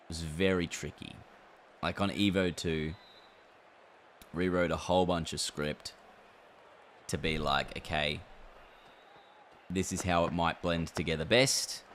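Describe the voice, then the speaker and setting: A man's voice: deep voice, steady tone, unhurried, long pauses, fairly bright tone. A man chatting casually on a gaming livestream, reacting aloud to play and answering chat. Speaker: gaming streamer. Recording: clear background noise.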